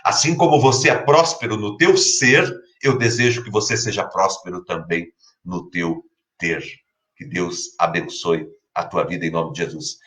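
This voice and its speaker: A man preaching a sermon with a Brazilian Portuguese accent, repeating key phrases and rising in pitch for scripture. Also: moderate pace, fairly bright tone. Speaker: pastor.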